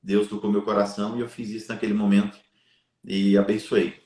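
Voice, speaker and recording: A man's voice: lowish voice, level tone, brisk, a little mellow, echoey room. A man telling a long personal story in a live chat, drawing a lesson about giving and faith in an earnest, preachy way. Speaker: live stream guest.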